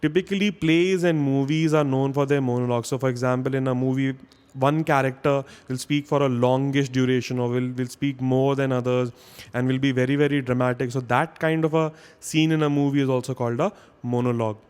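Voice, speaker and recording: A man's voice: medium pitch, steady tone, brisk, a little mellow, smooth. Man teaching a spoken vocabulary lesson. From India. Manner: explains step by step, often checks in with "okay?".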